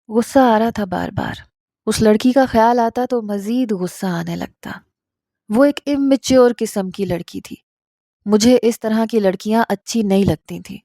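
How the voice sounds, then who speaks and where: Mellow-voiced woman storyteller. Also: a little high, dry recording, clean studio sound. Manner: calm, measured storytelling. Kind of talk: first-person story narration.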